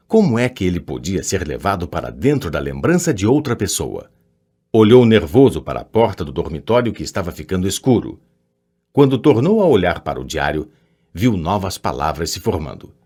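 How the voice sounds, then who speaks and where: A man reading a chapter of a novel aloud as narrator, with expressive storytelling delivery. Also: sits low. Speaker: audiobook narrator. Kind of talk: scripted narration.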